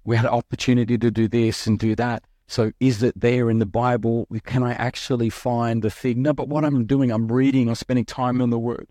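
Animated preaching man, dry sound. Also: medium pitch, dry recording. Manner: animated, quick preaching with restarts and acted-out quotes. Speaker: pastor. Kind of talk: sermon.

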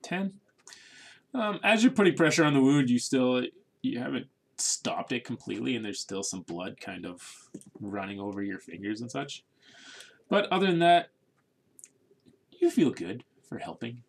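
A man narrating as game master in a casual, halting way, with restarts. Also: mid-range voice, lively intonation, creaky, slightly rough.

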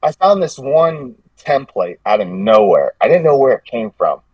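A man's voice: medium pitch, big pitch swings, normal speed, no echo, distant mic, dull audio. A man telling stories in a casual podcast chat, rambling and restarting his sentences as he goes. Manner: rambling, self-correcting storyteller with frequent restarts. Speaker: podcast guest, gym meme page creator.

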